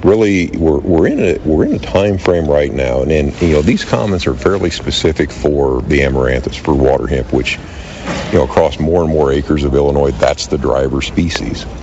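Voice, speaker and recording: An American man being interviewed as an agricultural expert, explaining in a halting way with repeated words. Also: rumbling low, darkish tone. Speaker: interviewed agricultural weed specialist. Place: noisy farm show. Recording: dull sound with clear venue noise.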